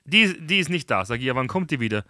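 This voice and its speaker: A young man, a podcast host, chatting casually and acting out stories with lively dialogue. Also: mid-range voice, fast, dry recording, studio quality. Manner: animated storyteller, acts out dialogue. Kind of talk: casual chat.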